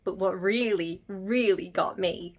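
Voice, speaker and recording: An actress playing a gossipy, excitable young vlogger, gushing and gasping as she talks in a comedic monologue. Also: mid-range voice, slow pace. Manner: gushing, gossipy, breathless gasps and squeals.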